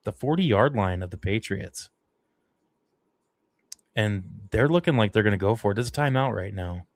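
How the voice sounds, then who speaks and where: A man's voice: fairly low pitch, no room sound. A man hosting a fan livestream, giving casual, emotional play-by-play commentary on a football game. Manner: excitable, emotional fan reactions.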